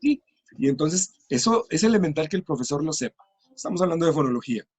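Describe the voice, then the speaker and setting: A man's voice: fairly high pitch, animated, fast talker, darkish tone, breathy edge, no room sound. A middle-aged man talks through ideas like a patient teacher, in a slightly raised voice. His speech is recorded dry and close, with no room sound around it. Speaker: teacher trainer. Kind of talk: interview.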